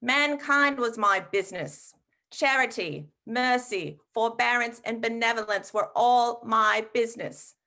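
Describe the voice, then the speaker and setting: A woman's voice: fairly high pitch, unhurried, bright, forceful tone. A woman putting on a wailing old ghost, English-accented. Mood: anguished. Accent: put-on English. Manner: declaiming, pleading. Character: anguished ghost of an old businessman.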